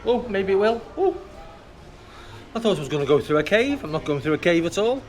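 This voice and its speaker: With music in the background and slight background noise, a high-pitched man presents a theme park walk outdoors. Very animated and a little fast, he offers casual walk-and-talk commentary, rambling and musing aloud as he goes.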